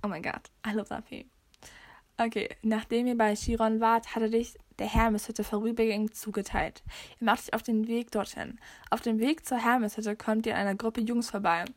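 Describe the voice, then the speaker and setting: A woman's voice: fairly high pitch, little pitch movement, normal speed, no echo. A young woman co-hosting a casual podcast chat, bubbly and giggly, dropping English words into her talk. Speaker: podcast co-host. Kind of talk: casual chat, reading a quiz aloud.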